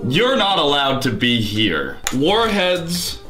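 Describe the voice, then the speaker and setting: A man's voice: a little high, big pitch swings, slow pace, reverberant, over music. A man hosting a casual comedic candy review, talking in a mock-dramatic, exaggerated way as he eats and tastes sour candy. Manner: eating and tasting sour candy while talking. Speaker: host of a candy taste test.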